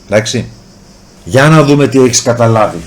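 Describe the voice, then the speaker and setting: A man with a Greek accent teaching a chemistry lesson, asking questions and then answering them himself, and drawing out key words slowly to stress them. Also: medium pitch, animated. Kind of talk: explanatory lesson, addressing the student directly.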